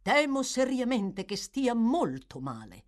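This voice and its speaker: A woman reading aloud, voicing an earnest, absent-minded old gentleman who sounds concerned, in an audiobook. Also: mid-range voice, unhurried, pitched above the performer's own voice, close to an everyday voice. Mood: worried.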